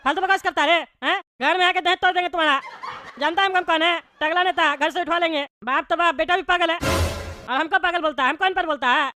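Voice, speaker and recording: A woman's voice: very high voice, fast, sharp tone, soft background music. A woman voicing a rude, short-tempered male politician who threatens other passengers on a plane. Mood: threatening. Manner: blustering, threatening. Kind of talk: comic cartoon voice acting.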